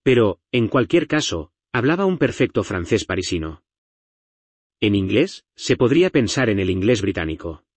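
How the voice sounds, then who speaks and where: A man from the United States gives a Bible lecture in a husky voice that rises and falls with lively pitch. He talks in a conversational, explanatory way, full of asides. The sound is dry and close, with no room echo. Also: normal speed. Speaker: Bible teacher.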